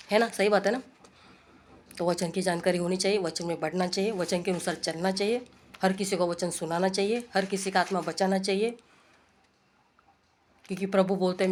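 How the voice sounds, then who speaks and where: A woman's voice: on the low side, darkish tone, a little hiss or hum. Woman preaching, earnest and pushy, keeps asking "right?" like a home sermon. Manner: earnest, exhorting, with repeated rhetorical questions. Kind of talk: informal sermon.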